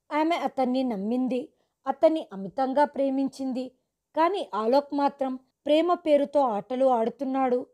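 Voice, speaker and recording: Woman, storyteller, scripted dramatic narration, high voice, mellow tone.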